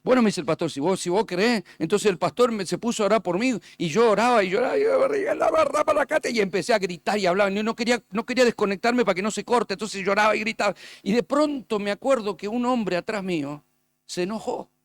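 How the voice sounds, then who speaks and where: A man's voice: high-pitched, fast, dry recording. A man preaching a sermon as pastor, telling stories and acting out the dialogue.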